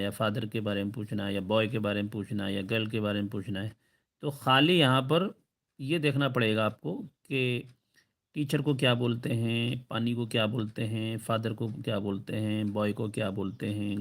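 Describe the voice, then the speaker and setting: Patient man teaching Arabic lessons. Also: on the low side. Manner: patient, repeats "ٹھیک ہے؟" checks and slow drawn-out example phrases. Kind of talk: recorded online lesson.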